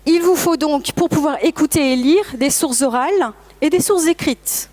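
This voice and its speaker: Her voice a bit higher than average and a little mellow, this language school founder, a native English speaker, presents to a trade fair audience at normal speed. The talk is motivational and earnest, often directed at listeners, with occasional mid-sentence hesitations and self-corrections.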